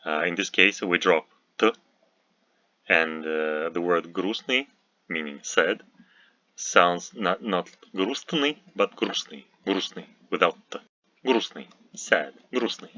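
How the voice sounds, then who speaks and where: Male language teacher, Russian accent, very low bright-edged voice, unhurried, muffled dry recording. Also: no room sound. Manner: slow and deliberate, with frequent "uh" pauses and repeated example words.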